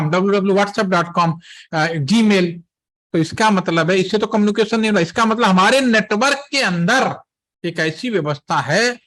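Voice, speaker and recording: A man instructs trainees in a patient, step-by-step lecture. His voice sits a little high for a man, and he keeps pausing to check that everyone is following. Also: a bit bright. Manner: explains step by step, checks in often with "theek hai".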